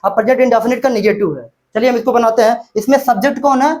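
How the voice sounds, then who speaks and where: A male teacher giving a classroom-style grammar lesson. He talks in a steady back-and-forth with himself, throwing out a question and then answering it, and repeats the key words. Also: very high-pitched, quick pace.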